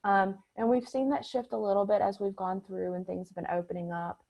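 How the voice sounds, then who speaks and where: Woman presenter, gravelly edges, on a spotty video call with uneven, dropping volume. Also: mid-range voice, brisk, noisy background. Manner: steady explaining with filler "um"s. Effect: audio cutting in and out, uneven volume. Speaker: webinar speaker. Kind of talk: business talk on a video call.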